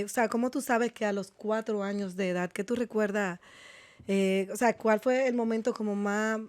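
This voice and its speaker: Woman host asking gentle questions. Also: medium pitch. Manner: gentle questioning with short reactions. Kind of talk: conversational interview.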